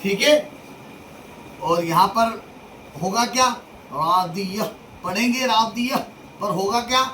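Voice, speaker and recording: A teacher drills a class in call and response, stating each rule and then firing questions back at the students. The voice sits at a middle pitch and comes from well back, off a distant mic. The room rings with echo, and a faint hiss runs underneath. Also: slow pace, sharp tone. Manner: repeats rules and quizzes students with questions. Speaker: religious studies teacher.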